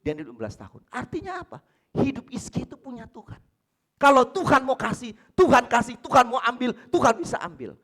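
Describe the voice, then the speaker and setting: A man with an Indonesian accent delivers a sermon as a pastor at a church service. His pitch rises and falls in a lively, animated way. He keeps asking rhetorical questions, answers them himself, and swings from loud emphasis to near whispers. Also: brisk.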